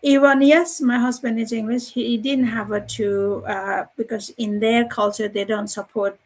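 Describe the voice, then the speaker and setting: A woman in her forties from Nepal with a Nepali accent, speaking as a guest on a live online panel, halting, with many fillers and restarts. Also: fairly high pitch, fairly even intonation.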